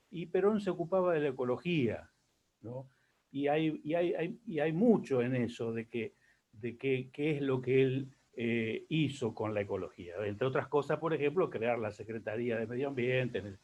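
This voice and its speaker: Argentine male host, mid-pitched and hesitant, dull muffled video-call sound. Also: darkish tone. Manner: halting, searching for words. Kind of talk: online panel moderation.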